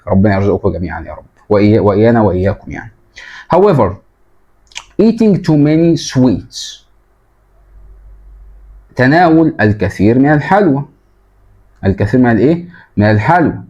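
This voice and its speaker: A man's voice: fairly low pitch, dark tone, muffled recording. A man with an Egyptian Arabic accent, an English teacher patiently explaining textbook exercises to children and asking them questions as he goes. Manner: patient, repeats key words and asks the pupils questions.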